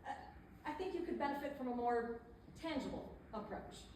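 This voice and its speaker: This stage comedy performance features a woman as a talkative, pushy yet tactful image consultant, conversationally coaxing someone and dropping hesitant asides. She speaks at a moderate pace in a high, expressive voice with a darkish tone. The indoor theater sound is echoey, picked up by a distant mic with faint noise.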